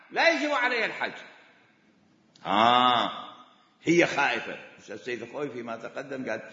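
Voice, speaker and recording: A lively Iraqi-accented man lectures a class, his pitch jumping around as he drives each point home with repetition. His voice is bright and a little high, and it rings through a large echoey hall on a dull, lo-fi recording. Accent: Iraqi Arabic. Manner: animated, repeats points with emphasis. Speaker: religious law teacher.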